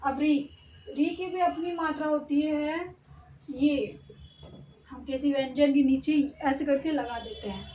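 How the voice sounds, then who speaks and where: A woman's voice: high-pitched, slow pace, dark tone, a little hiss or hum, poor audio. A woman teaching Hindi vowel signs, explaining step by step and sounding out letters, sometimes stopping to correct herself. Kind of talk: explaining a lesson on writing.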